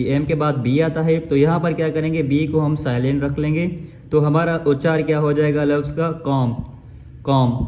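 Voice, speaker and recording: A man's voice: fairly high pitch, warm tone. A man teaching English pronunciation in a lesson, repeating words and spelling them out letter by letter. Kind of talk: explanatory lesson.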